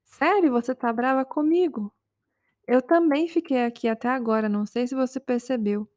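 A woman's voice: high-pitched, moderate pace, darkish tone, no room sound, clean studio sound, lightly acted. A woman voicing a young man, a jealous and hot-tempered boyfriend who argues defensively with his girlfriend in a spoken story. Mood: defensive, angry. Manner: defensive, quarrelsome.

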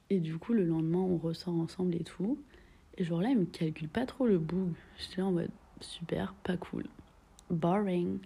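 A woman's voice: on the low side, vocal fry, mellow, slightly rough. A young woman in her twenties telling a holiday story in a chatty, slangy vlog, joking at her own expense and dropping into whispered asides. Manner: chatty, slangy, mixes in English phrases; playful, self-mocking, drops into whispered asides. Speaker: vlogger.

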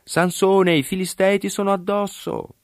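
Male reader voicing a scheming temptress, pitched way up and crying out loud. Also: big pitch swings, normal speed, no room sound, studio quality. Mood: alarmed crying. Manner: cries out in a high, raised voice.

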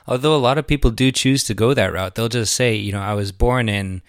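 A man's voice: lowish voice, moderate pace, clear, resonant tone, no echo, clean studio sound. A man hosting a podcast, chatting casually with a guest in a rambling, enthusiastic way and laughing often. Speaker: podcast host. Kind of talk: casual conversational interview.

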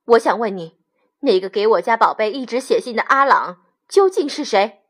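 A woman's voice: on the high side, animated, normal speed, fairly bright tone. A woman voicing a fierce, protective mother sheep in a storybook read-aloud, insistent and indignant.

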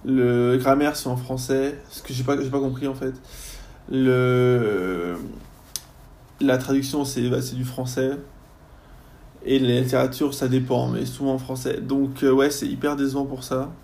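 Gravelly-voiced young man, chatty student. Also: mid-range voice, fairly even intonation, measured pace, dark tone. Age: young adult. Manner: chatty, lots of hesitations and fillers. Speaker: university student guest. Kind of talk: casual podcast interview.

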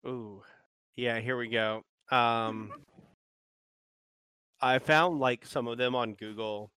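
Guy ranting on a podcast, rambling, says like a lot, bright clear voice, dry sound. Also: mid-range voice, steady tone, takes it slowly, no echo. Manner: rambling, ranting, heavy use of filler "like". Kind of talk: casual chat.

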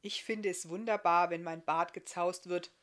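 A kindly blind giant with a big beard speaks from a storybook page, as a woman reading aloud gives him voice. He talks calmly and gently, in a warm storytelling tone. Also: lowish voice, moderate pace, natural voice. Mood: gentle.

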